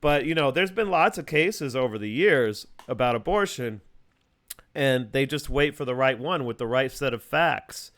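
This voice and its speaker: Hosting a relaxed video call conversation, this man talks at a normal speed with a medium-pitched, animated, slightly bright voice. His long explanations are peppered with fillers and restarts, recorded on a video call mic.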